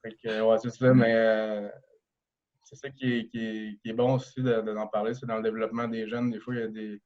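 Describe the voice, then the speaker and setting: A man in his thirties with a Québécois accent speaks in a low, flat, even tone. He talks in a relaxed, halting way, full of fillers and restarts. The audio is dull and lo-fi. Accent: Québécois French. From Quebec. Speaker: guest, professional hockey player. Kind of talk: casual podcast interview.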